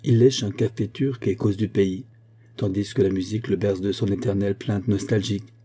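A male narrator reading a literary story aloud at a measured, even pace. His voice sits fairly low and sounds very dark and mellow, with a husky edge. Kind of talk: audiobook narration.

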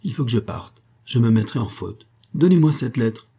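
A man's voice: mid-range voice, animated, moderate pace, mellow, breathy edge. A man reading a fervent young woman. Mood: earnest.

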